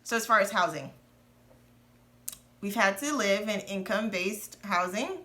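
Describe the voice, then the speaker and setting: Chatting casually about money and marriage, a personal finance channel co-host in her thirties comes across as candid and earnest, with occasional nervous laughter. Her medium-pitched voice is animated and sharp, and she doesn't rush.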